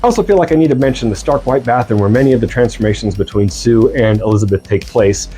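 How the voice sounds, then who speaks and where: A man's voice: mid-range voice, quick pace, warm tone, faint music behind. A man in his mid-forties giving a scripted film review with earnest enthusiasm and wry asides. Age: 40s.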